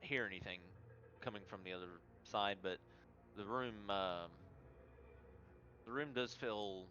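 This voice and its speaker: A man improvising narration as game master of a tabletop game, in a halting way. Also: on the low side, sharp tone, slight background noise. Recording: dull, band-limited audio with faint music.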